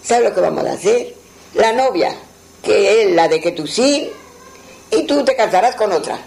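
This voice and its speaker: A man voicing a kindly wealthy old butcher who speaks tenderly as a father, with a gravelly voice. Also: high voice, animated, moderate pace, a little mellow, low-quality recording.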